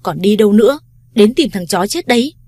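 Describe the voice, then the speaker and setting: A woman voicing Ly, a brash, foul-mouthed young woman who bosses her friend around loudly. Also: medium pitch, fairly quick, slightly rough, natural voice. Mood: angry. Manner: loud, bossy, swears freely.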